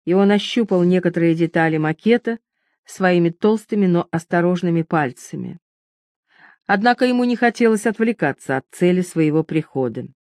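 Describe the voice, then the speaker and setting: A woman narrating an audiobook in an even, measured reading. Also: fairly low pitch, no echo, clean studio sound. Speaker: audiobook reader. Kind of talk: scripted narration.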